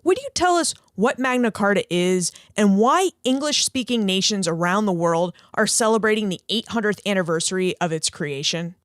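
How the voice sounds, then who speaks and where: Reading her intro and questions off a script, the woman hosting the history podcast sounds lively and upbeat, with a medium pitch, moderate pace and few pauses. The re-recorded voice-over has studio quality and no room sound.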